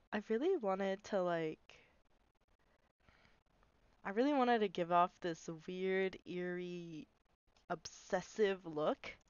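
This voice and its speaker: In a lo-fi recording with no room sound, an animator with a smooth, medium-pitched voice casually explains her video on screen. She sounds congested from a cold, and her talk rambles along with heavy fillers and self-deprecating remarks.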